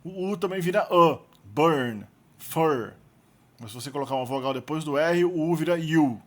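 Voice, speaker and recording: A man with a Brazilian Portuguese accent teaching a recorded lesson, explaining slowly and deliberately and repeating each example word. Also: on the high side, expressive. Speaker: language teacher.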